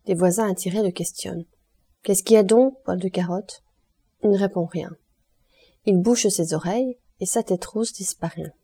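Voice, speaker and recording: A woman narrating a literary audiobook in a measured storytelling manner. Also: medium pitch, warm tone, breathy edge. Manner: measured storytelling, lifts voice for quoted lines. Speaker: audiobook reader.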